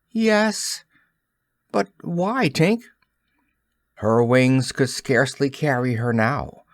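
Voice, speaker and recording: A man narrating a classic children's novel as an audiobook, in measured, expressive storytelling. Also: mid-range voice, no room sound, studio quality. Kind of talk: scripted narration.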